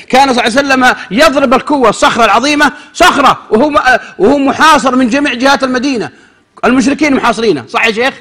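A man giving a humorous, animated sermon, acting out little scenes and swinging between loud and soft. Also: very high-pitched, husky. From Saudi Arabia. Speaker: preacher.

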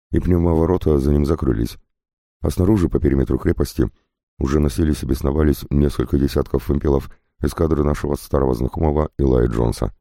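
A man narrating a science-fiction audiobook in a steady, even-paced reading. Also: a bass voice, creaky, dry recording, studio quality. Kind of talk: scripted narration.

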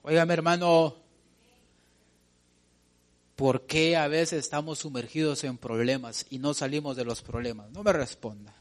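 Fervent preaching man, rising to shouts. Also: a little high, steady tone, a little slow, pauses often. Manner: preaching, calls out "hermano" and builds to shouts; asks rhetorical questions. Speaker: pastor. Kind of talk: sermon.

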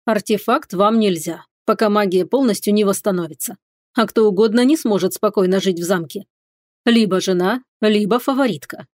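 A woman voicing a calm, commanding emperor. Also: mid-range voice, moderate pace, no room sound, clean studio sound, natural voice. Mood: measured. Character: calm authoritative male emperor. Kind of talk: audiobook reading.

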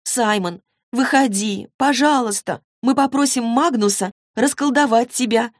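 A heated young girl, pleading one moment and indignant the next, as a woman reads her in an audiobook. The voice sits higher and louder than the narration. The studio sound is dry and close. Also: measured pace, no echo, close to an everyday voice. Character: young girl Clary, impulsive and protective.

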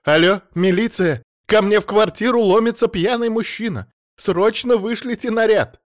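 A man voicing an agitated woman phoning the police, talking fast and pleading, then furious. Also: a little high, expressive, dry recording, clean studio sound, voice pushed up, lightly acted. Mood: furious, shrill. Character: agitated middle-aged woman caller, shrill and indignant.

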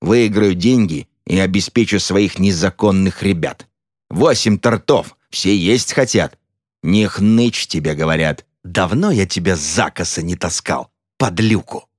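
A man reading an audiobook plays a gloomy, pompous count with a sardonic, gruff manner. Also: sits low, lively intonation, measured pace, dry recording, clean studio sound, heavily acted. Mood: boorish. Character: gloomy pompous middle-aged count, turning coarse.

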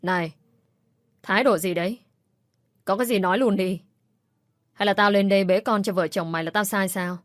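A woman's voice: mid-range voice, normal speed, long pauses, no echo, natural voice. A woman voicing a bitter, nagging middle-aged mother-in-law who scolds and accuses, in a dry recording with faint music behind. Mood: scolding.

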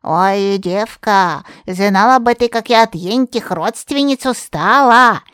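A woman's voice: medium pitch, takes it slowly, fairly bright tone, smooth, no room sound, clean studio sound. A woman voicing a grumpy old forest witch who talks like a rustic village granny, in an audiobook. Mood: complaining. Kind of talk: audiobook character voice.

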